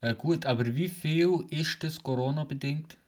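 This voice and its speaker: A man's voice: on the high side, moderate pace, a little mellow. A teenage male podcast host with a Swiss German accent chats casually. He talks with braces, so his articulation is a little hindered, and he rambles along with plenty of hesitations. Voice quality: talking with new braces, slightly hampered articulation.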